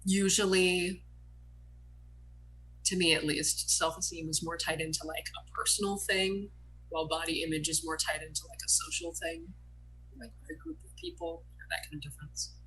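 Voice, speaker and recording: A nineteen-year-old woman interviewed over a video call, thoughtful and quick to rush through her points. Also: sits low, sharp tone, a little hiss or hum, poor audio. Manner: thoughtful, speeding up mid-sentence.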